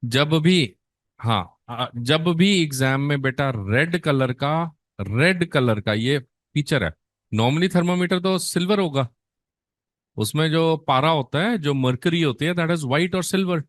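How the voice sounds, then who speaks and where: Man, Indian accent, exam-prep teacher, slightly high voice, rhetorical questions, slow stress on key words, dry close sound. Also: animated, no room sound. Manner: mixes Hindi and English, quizzes students with rhetorical questions; drags out key terms slowly for emphasis. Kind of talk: online exam-prep lecture.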